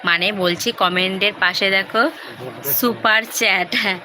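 Woman, soft hushed talk, casual live-stream chat, faint noise behind. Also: medium pitch, steady tone, unhurried. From Hooghly, West Bengal, India. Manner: speaks softly while her son sleeps.

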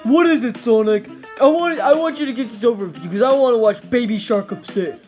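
Guy doing a whiny little baby shark toy, high voice, panicky, homemade puppet show. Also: expressive, a little fast, a little mellow, faint music behind. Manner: whiny, childish.

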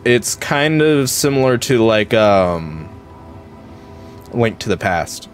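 A man's voice: fairly low pitch, sing-song, takes it slowly, faint music behind. A man streaming a video game at home, chatting casually and rambling with lots of "like" and "um". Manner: chatty and rambling, many fillers like "like" and "um". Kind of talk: casual gameplay commentary.

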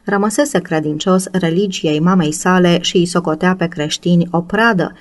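A woman narrating a classic novel as an audiobook, reading slowly and in a measured way. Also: fairly low pitch, steady tone, no echo. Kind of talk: scripted narration.

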